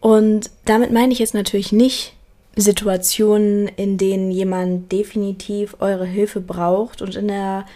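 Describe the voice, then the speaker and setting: A woman's voice: mid-range voice, little pitch movement, unhurried, warm tone. A young woman hosting a solo talk, speaking earnestly and reflectively, often restarting and repeating words. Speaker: podcast host.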